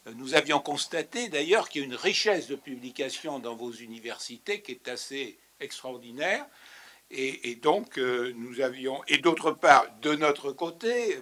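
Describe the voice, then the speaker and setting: A man's voice: medium pitch, a bit bright. A man hosting an academic conference, speaking off the cuff with many fillers and restarts. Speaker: conference host. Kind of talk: spontaneous conference remarks. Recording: lecture hall.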